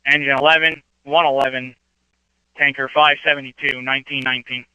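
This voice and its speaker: Fast, bright male fire dispatcher on radio. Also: medium pitch, level tone, smooth, dry recording. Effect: two-way radio transmission. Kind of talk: clipped firefighter radio dispatch. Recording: dull lo-fi two-way radio.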